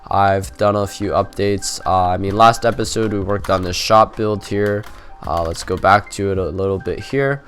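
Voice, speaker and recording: A young man with a stuffy, nasal cold hosts a gaming channel, rambling chattily through casual gameplay commentary with plenty of fillers. His voice is low yet fairly bright, at normal speed, over soft background music.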